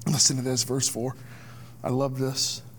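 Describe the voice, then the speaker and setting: A man preaching a sermon as pastor, slow and deliberate, sometimes dropping to a hushed near-whisper. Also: medium pitch, flat delivery, slight background noise.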